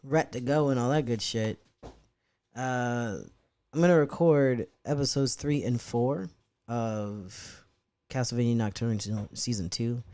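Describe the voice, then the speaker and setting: His tone is darkish, clear and resonant, and his medium pitch is neither deep nor high. Unhurried, the young man rambles casually to his live-stream chat, cursing freely as he adjusts his setup.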